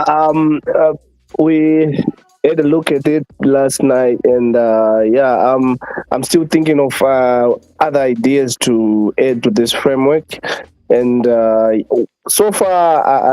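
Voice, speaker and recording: A man's voice: mid-range voice, fairly even intonation, takes it slowly, mellow, smooth, no room sound, faint music behind, poor audio. A man in a casual chat who speaks hesitantly, with many fillers.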